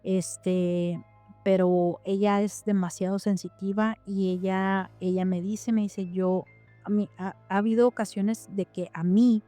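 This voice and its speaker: A woman's voice: mid-range voice, unhurried, faint music behind. A middle-aged woman, telling a story in casual chat on a podcast, with lots of restarts and quoted dialogue. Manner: animated retelling with many restarts and quoted dialogue. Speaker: podcast guest.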